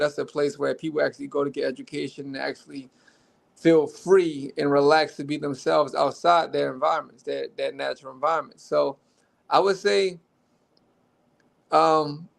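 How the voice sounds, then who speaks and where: A young man with a Baltimore accent talks casually, circling back and restarting his thoughts as he tells a story. His voice sits a little high and carries a gravelly rasp. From Baltimore, Maryland. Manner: relaxed, rambling with restarts. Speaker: guest.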